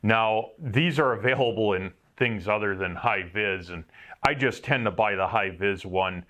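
In a lowish, fairly bright voice and a slightly slow delivery, this Wisconsin-accented welder rambles about his work gear. He keeps it offhand, pokes fun at himself, and swears a bit.

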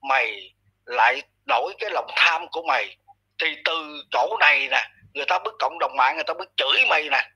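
Male commentator, husky and sharp-edged, blunt scolding rant, talks down to his target. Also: on the high side, very animated, brisk, low-quality recording. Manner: blunt, scolding, addresses listener harshly. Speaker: online commentator. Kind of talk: ranting commentary monologue.

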